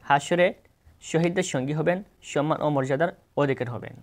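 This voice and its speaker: This exam tutor's fairly high voice and Bangladeshi Bengali accent come through as he reads multiple-choice questions and answers at a moderate pace. His delivery is plain and even, with occasional self-corrections.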